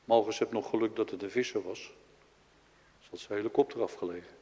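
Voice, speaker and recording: A man preaches in a church, his voice carrying a long reverb through the large hall. He tells the story dramatically, acting out the characters' lines. He swings from loud to quiet. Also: on the low side, fairly quick. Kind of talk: sermon.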